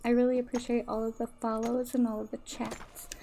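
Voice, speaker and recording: A woman's voice: a little high, flat delivery, a little fast, warm tone, faint music behind. A woman live streamer chatting casually and gratefully while playing a game, with a slight lisp from missing front teeth. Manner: grateful, gushing thanks to viewers. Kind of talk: casual livestream gameplay chat.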